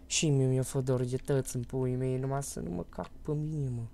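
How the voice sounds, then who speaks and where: A Romanian man streaming a horror game live, chatting casually and bursting into loud, panicky repeated shouts. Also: medium pitch, steady tone, vocal fry. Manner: panicky, loud outbursts and rapid repeated words. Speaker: gaming streamer.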